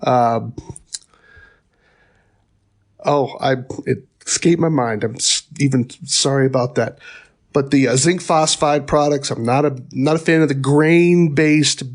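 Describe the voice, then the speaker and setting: A man's voice: medium pitch, a little slow. A middle-aged man giving a pest control training talk in a conversational way, with wry asides and frequent fillers and restarts. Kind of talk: instructional podcast talk.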